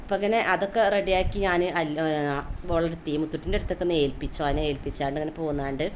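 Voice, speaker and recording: A young mother talks through her day in a quick, homely, chatty voice-over. Her voice sits low for a woman. A faint room ambience hums underneath. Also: darkish tone, a little hiss or hum. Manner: chatty, homely, with frequent tag words. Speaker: vlogger, mother. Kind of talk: casual day-in-my-life voice-over.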